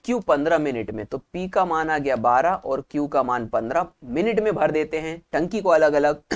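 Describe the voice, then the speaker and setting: A man's voice: fairly high pitch, animated, moderate pace. A male teacher giving a math lesson for exam prep, explaining step by step and asking questions aloud that he then answers himself. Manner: explains step by step, repeating key points.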